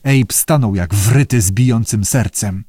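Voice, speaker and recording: Man narrating an audiobook, steady measured read, dry close sound. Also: on the low side, slightly rough, no room sound. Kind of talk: scripted narration.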